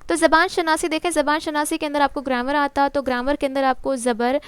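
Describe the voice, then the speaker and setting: Woman, high voice, dry sound, textbook lesson, quizzes herself, slips in English words. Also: little pitch movement, dry recording. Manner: poses and answers her own questions, mixing in English terms. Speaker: exam-prep teacher.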